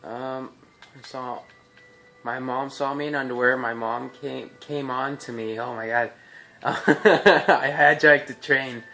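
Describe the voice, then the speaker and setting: Bright-voiced man narrating his gameplay. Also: mid-range voice, steady tone, takes it slowly, creaky. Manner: chatty, joking, thinks aloud. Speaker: gameplay commentator. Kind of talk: casual let's-play commentary.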